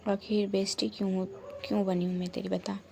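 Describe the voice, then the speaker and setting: A woman's voice: medium pitch, level tone, brisk, creaky, a little mellow, natural voice. A woman doing a pushy teasing best friend. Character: young female best friend, teasing and protective.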